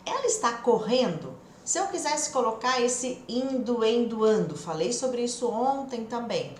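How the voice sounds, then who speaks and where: Casting: lively Brazilian woman, English teacher, repeats phrases for practice, echoey room. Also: on the high side, measured pace, slight background noise. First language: Portuguese. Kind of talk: live online English lesson.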